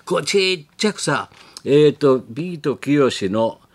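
東京の下町なまりで話す年配の男性ラジオホストが、スタジオで冗談まじりに早口で雑談している。. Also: male voice, fairly high pitch, animated. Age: older. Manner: joking, teasing, rapid banter. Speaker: radio show host. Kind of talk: casual radio chat. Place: radio studio.

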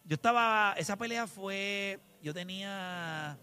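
A middle-aged man with a Puerto Rican accent hosting a casual sports talk show, loud and joking. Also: high-pitched, takes it slowly. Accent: Puerto Rican Spanish. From Puerto Rico. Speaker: radio sports show host.

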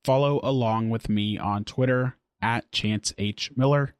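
A man hosting a daily tech news podcast, reading scripted stories and a sponsor spot in a steady, clear newsreader delivery. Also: medium pitch, a little slow, no echo, clean studio sound. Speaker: podcast host.

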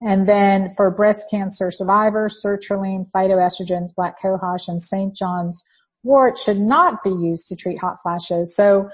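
Woman, Spanish accent, podcast host, husky tone, detailed clinical talk. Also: medium pitch, steady tone, measured pace. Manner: detailed, fluent talk with occasional restarts. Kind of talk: conversational interview.

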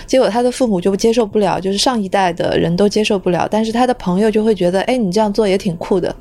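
A female podcast co-host recounts something she saw, in a relaxed, casual way. Her voice sits in the middle range. Her storytelling stays easygoing and conversational. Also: mid-range voice, fast.

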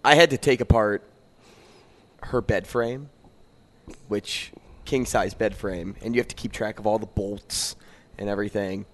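A man's voice: fairly low pitch, fairly even intonation, measured pace, long pauses. A man co-hosting a sports talk show in an easygoing tone with dry, teasing humor. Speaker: sports radio co-host. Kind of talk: casual sports talk banter.

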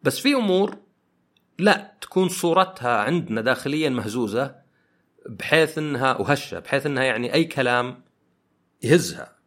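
A man hosting a podcast, talking through ideas in a thoughtful way and often pausing to search for words. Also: mid-range voice, expressive, a bit bright. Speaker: podcast host. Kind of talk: reflective podcast monologue.

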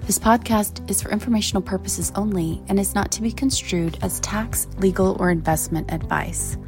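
A woman's voice: mid-range voice, moderate pace. A woman reading a scripted legal disclaimer in a formal, impersonal manner. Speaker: disclaimer announcer. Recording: music behind the voice.

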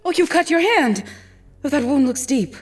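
A woman's voice: medium pitch, lively intonation, moderate pace, darkish tone, faint music behind, close to an everyday voice. A woman playing a compassionate goddess of nature and healing in an audio drama, a loving wife with a tender, earnest manner. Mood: concerned.

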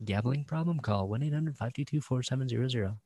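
A man who hosts a sports show, reading an ad's legal disclaimer in quick, clipped phrases. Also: mid-range voice, mellow, no room sound. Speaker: sports talk show host. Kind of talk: sponsor ad read ending in legal disclaimer.

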